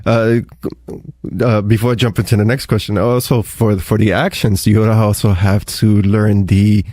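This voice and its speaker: A man's voice: on the low side, little pitch movement, normal speed, warm tone, no room sound. A man hosting a podcast interview, chatting casually with hesitant, stammering restarts. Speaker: podcast host.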